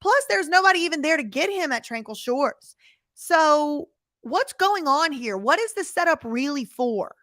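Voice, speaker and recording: A woman's voice: sits high, expressive, moderate pace, a bit bright, dry recording, studio quality. A woman hosting casual commentary on footage, emphatic and fond of rhetorical questions to her viewers. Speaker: commentary host.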